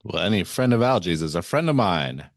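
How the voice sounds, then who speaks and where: A man playing a wealthy, affable young gentleman with dry humor in a tabletop role-play game. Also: deep voice, big pitch swings, brisk, gravelly, dry recording, exaggerated voice. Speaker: player.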